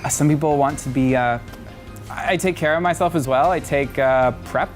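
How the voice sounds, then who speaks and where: A man's voice: a little high, moderate pace, faint music behind. A young man from Georgia in the United States, a talk show guest speaking openly and chattily, with frequent fillers. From Atlanta, Georgia, United States. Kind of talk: casual talk show interview.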